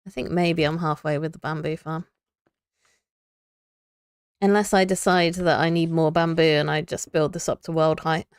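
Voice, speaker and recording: A woman's voice: deep voice, fairly even intonation, moderate pace, long pauses, clear, resonant tone, no room sound, clean studio sound. A young woman streaming a building game, chatting to viewers and thinking aloud as she builds, laughing often. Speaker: Minecraft streamer. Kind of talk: casual live gameplay chat.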